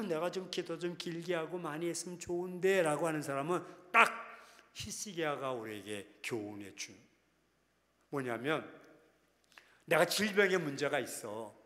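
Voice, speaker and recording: A man with a high-pitched voice preaches in a loose, conversational way, teasing his listeners. He swings into fervent, dramatic prayer voices as examples. His words ring out with a long reverb in a large prayer hall. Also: lively intonation, moderate pace, fairly bright tone. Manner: conversational preaching, teasing the congregation, rising to impassioned acted prayers. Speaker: pastor. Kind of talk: sermon.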